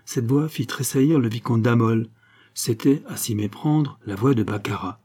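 A man narrating a classic novel as an audiobook in a measured, steady reading. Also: medium pitch, breathy edge.

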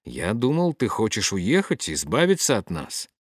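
A man reading the part of a gentle, patient young priest in an audiobook. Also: on the low side, normal speed, no echo, clean studio sound. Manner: soft and calm.

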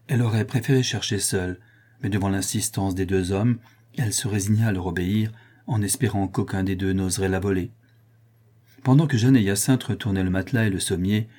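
A man reading a historical novel aloud at a measured pace, voicing every character. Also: lowish voice, warm tone, breathy edge. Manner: measured, voices all the characters. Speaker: audiobook reader. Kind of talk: scripted narration.

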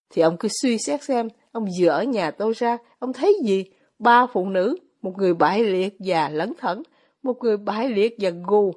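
A woman reading as a poor, bitter older male ex-officer with quiet irony, in an audiobook. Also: medium pitch, natural voice.

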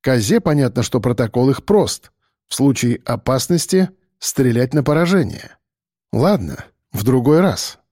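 A man reading a first-person story in steady, tense narration. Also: mid-range voice, a little slow, no echo, studio quality. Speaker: audiobook narrator.

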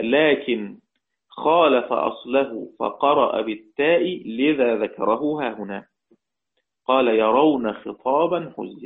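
A man with an Egyptian accent teaching a lesson on Quranic readings, explaining step by step, putting questions to his class and repeating key phrases. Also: medium pitch. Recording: tinny phone-like audio.

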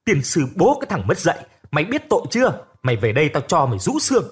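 A man's voice: a little high, wildly swooping pitch, quick pace. A man voicing a furious father who hisses threats at his son in a read-aloud story. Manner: hissing, threatening. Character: furious soaked village father.

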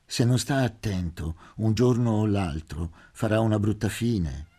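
A man's voice: lowish voice, measured pace, warm tone, breathy edge. A man voicing a timid, anxious middle-aged doctor in an audiobook, with a stammering, fussy manner. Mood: nervous jovial. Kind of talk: audiobook character voice.

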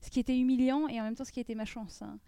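A woman speaks in a reflective, hesitant way, often pausing and restarting as she tells her story in a podcast interview. Her voice sits a little high but sounds mellow and smooth. The recording is close and dry. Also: steady tone, no echo. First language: French. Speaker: guest.

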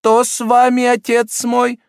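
A man voicing a wrathful, scheming elderly Italian cardinal who shouts and hectors. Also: very high voice, monotone, measured pace, creaky, clean tone, dry recording, clean studio sound, pitched above the performer's own voice, exaggerated voice. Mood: insistent.

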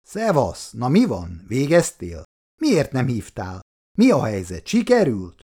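A man reading an audiobook, voicing an impatient male boss who rushes his questions and sounds slightly irritable. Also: mid-range voice, huge pitch swings, dark tone.

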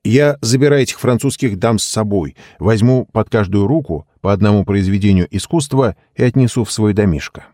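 A man's voice: fairly low pitch, brisk, hardly any pauses, dark tone, no echo, studio quality, voice pushed up, lightly acted. A man voicing a bold, teary-eyed village man in thick glasses who declares his plans with self-assurance. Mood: boastful.

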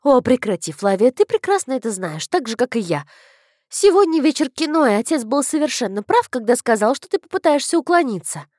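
A woman voicing a bossy, sharp-tongued older sister in a story. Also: mid-range voice, sing-song, brisk, hardly any pauses, no room sound, clean studio sound. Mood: scolding. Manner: scolding, imperious.

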